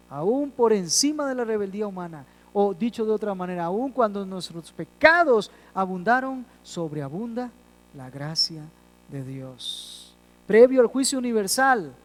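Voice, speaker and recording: Male pastor, sermon delivery, dynamic swells and hushed endings, deliberate emphatic pacing. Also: high-pitched, low-quality recording. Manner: swells loud on key phrases, drops soft at line ends; slows down for emphasis.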